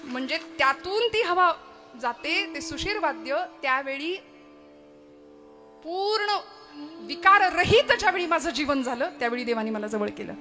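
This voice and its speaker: A woman's voice: high voice, animated, normal speed, music in the background. A woman preacher giving a devotional sermon, telling stories expressively and breaking into chanted and sung verses. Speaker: kirtan preacher.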